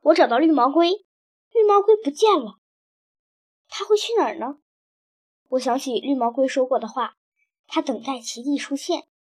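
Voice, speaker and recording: A woman narrating a children's storybook in the first person, with expressive, lively delivery. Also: high voice, moderate pace.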